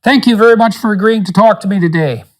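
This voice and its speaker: A man hosting an interview podcast, introducing his guest and asking measured, thoughtful questions. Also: sits high. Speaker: podcast host.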